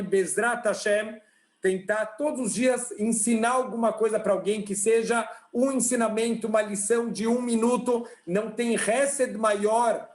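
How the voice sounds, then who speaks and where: A man with a Brazilian Portuguese accent, a rabbi giving an online lesson through animated storytelling over a video call. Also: high-pitched. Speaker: rabbi teaching a class. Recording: roomy video call audio.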